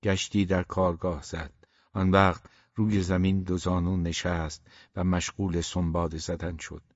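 A man narrating a novel aloud in a steady, measured reading, in a dull, dry recording. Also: deep voice, no room sound. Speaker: audiobook narrator.

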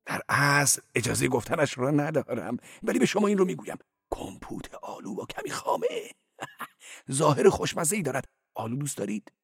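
A high, sing-song male church porter who giggles, gushes and preaches at whoever will listen, as a male reader puts him on. His voice swoops up and down with lively, lecturing delight. The audiobook sound is dry and close. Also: gravelly, slightly rough, dry recording, exaggerated voice. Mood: preachy, effusive. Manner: giggling, effusive and sly, lecturing.

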